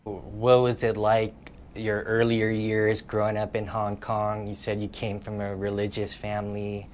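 A woman interviewing a guest, calmly guiding the talk and summing up what she hears. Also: rumbling low, unhurried, slight background noise. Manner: calm, guiding, summarizing the guest's words. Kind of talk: interview questions.

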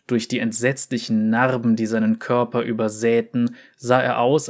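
A man narrating a fantasy story in a slow, measured reading style. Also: mid-range voice.

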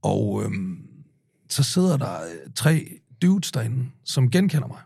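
A man's voice: medium pitch, sing-song, creaky, darkish tone, husky, dry recording, studio quality. A man in his forties, a podcast guest, telling a rambling anecdote casually, swearing often and full of fillers. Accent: Danish. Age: 40s. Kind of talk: casual storytelling.

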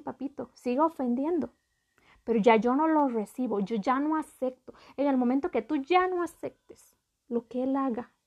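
A woman's voice: on the high side, darkish tone, highs cut off. A woman hosting a motivational podcast, talking straight to the listener as a friend and repeating phrases for emphasis. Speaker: podcast host.

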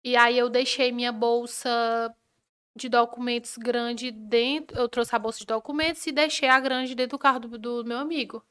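A young woman, a podcast guest telling a personal story in a lively way and acting out what each person said. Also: fairly high pitch, normal speed, smooth. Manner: animated, acts out the dialogue of people in her story.

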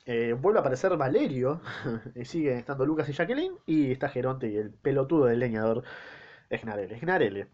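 Argentine man, casual play reader, crude jokey asides, mid pitch, dull lo-fi sound. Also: expressive, brisk, darkish tone. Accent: Argentine Spanish. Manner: crude, joking slang asides. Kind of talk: casual play reading with commentary.

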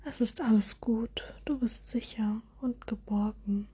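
A woman guiding a relaxation hypnosis in a soft, soothing, airy spa whisper with gentle suggestions. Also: fairly high pitch, steady tone, measured pace, husky. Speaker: hypnosis guide.

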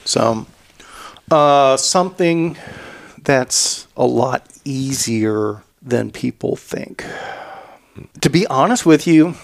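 A man with a gravelly, creaky voice talks casually about running cycling events. He rambles, restarting and repeating words as he explains. His pitch sits in an ordinary middle range. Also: slow pace. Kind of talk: casual podcast chat.

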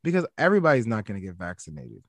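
A man's voice: fairly low pitch, very fast, no echo. A man co-hosting a podcast, chatting casually and joking as he tells stories. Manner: joking, animated storytelling. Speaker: podcast co-host. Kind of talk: casual chat.

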